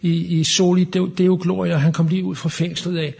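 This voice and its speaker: A man delivering a fervent sermon in a fairly high, husky voice. He speaks with passion and drives his points toward a bold proclamation. The tone is earnest and insistent. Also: flat delivery, a little mellow. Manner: impassioned, building to fervent proclamation. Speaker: preacher.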